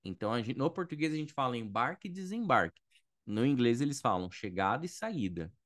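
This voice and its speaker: A man's voice: medium pitch, sing-song, a little fast, fairly bright tone, no echo, clean studio sound. A man from Brazil teaching airport vocabulary in a casual online lesson, explaining patiently, checking in with his students often and thinking aloud. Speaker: English teacher.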